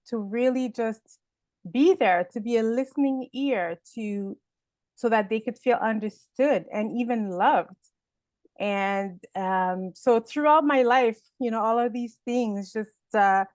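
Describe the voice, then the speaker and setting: Woman guest, personal growth speaker, slow, hesitant, dry recording. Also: fairly high pitch, no room sound. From Haiti, raised in Canada. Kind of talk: interview answers.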